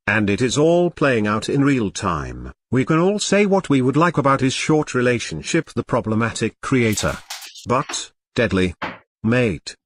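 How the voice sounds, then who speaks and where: A man's voice: medium pitch, dry recording. Sardonic synthetic robot male narrator. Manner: sardonic, mocking commentary. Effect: synthetic robot text-to-speech voice. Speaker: drama commentary narrator. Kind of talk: scripted commentary narration.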